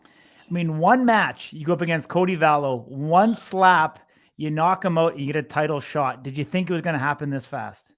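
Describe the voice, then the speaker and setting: Male sports interviewer, slightly high voice, conversational, wordy and rambling with his questions. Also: moderate pace.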